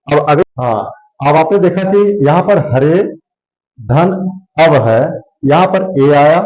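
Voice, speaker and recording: A man teaches a grammar lesson at a very slow, deliberate pace, repeating each word and answering his own questions. His voice sits a little high for a man. The recording sounds dull and lo-fi. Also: a little mellow.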